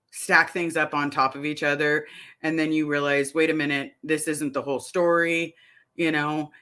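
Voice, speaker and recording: With a low-pitched, fairly bright voice, a middle-aged woman answers her live chat during a casual stream. She reads out comments from viewers and wanders through her responses.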